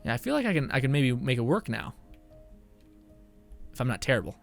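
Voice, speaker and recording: This young man's mid-range voice swings widely in pitch and is brisk and creaky, with faint music behind it. During a casual game livestream he keeps laughing and reading chat messages aloud, occasionally sounding winded.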